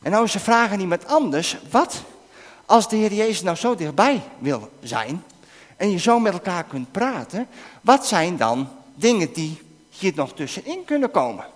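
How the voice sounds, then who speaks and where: A man preaches to children in a high, widely swinging voice, quizzing them and urging them on. He sometimes bursts into shouting, and a long reverb trails after his words through the hall. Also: moderate pace. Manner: animated, coaxing questions to children, bursts into shouting. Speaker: preacher leading a children's talk. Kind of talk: interactive object lesson with children.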